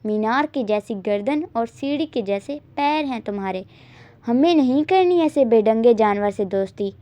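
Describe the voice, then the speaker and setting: A woman's voice: a little high, expressive, highs cut off, close to an everyday voice. A woman voicing a pair of mischievous young monkeys who taunt and tease in a children's storybook tale. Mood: mocking. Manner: taunting, mocking.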